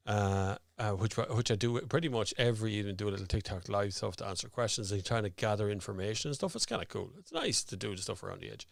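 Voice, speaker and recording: A man's voice: fairly low pitch, lively intonation, quick pace, creaky, few pauses, no room sound. An Irish man hosting a casual live stream, rambling and chatty as he sorts out his audio on air. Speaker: host. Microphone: studio microphone with headphones.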